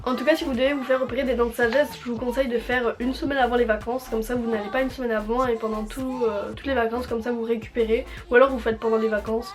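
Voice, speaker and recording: A young woman telling a personal story to viewers in a casual, slangy, youthful way. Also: fairly high pitch. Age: teenager or young adult.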